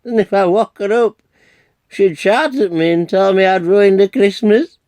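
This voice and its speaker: A man's voice: high voice, measured pace, darkish tone. A man playing a henpecked, emotional, jokey old Santa Claus in a comic radio play, with a Northern English accent. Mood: mournful reminiscing.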